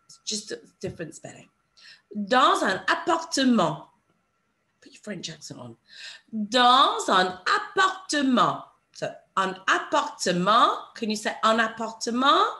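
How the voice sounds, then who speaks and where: A woman teaching an online French lesson, patiently modelling phrases slowly for learners to repeat. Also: on the high side, bright, forceful tone. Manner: patient, encouraging teacher talk. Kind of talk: online language lesson with screen share.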